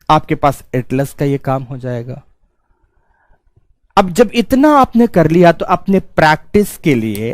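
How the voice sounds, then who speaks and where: Stern male tutor, high voice, very dry sound. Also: dry recording. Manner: stern, scolding, repeats key points. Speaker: teacher. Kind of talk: exam prep lecture.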